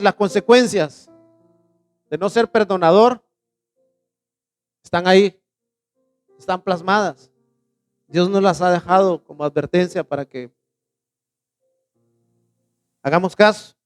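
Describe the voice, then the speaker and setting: A male pastor preaching a sermon in a church, asking the congregation questions and answering them, reading scripture slowly with emphasis. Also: sits high, soft background music.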